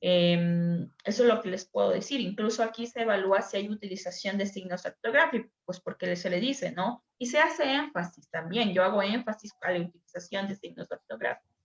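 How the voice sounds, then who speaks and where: A woman's voice: mid-range voice, a little fast, creaky. A woman teacher, patiently explaining a dyslexia assessment to a workshop group over a video call. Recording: echoey room, dull lo-fi sound.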